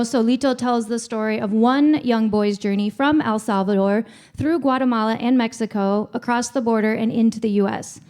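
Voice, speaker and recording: Lady running a church panel, kinda high voice, chatty and friendly, mic in hand. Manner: warm, chatty, small self-aware laughs. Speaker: panel moderator, teacher. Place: church hall. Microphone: handheld microphone.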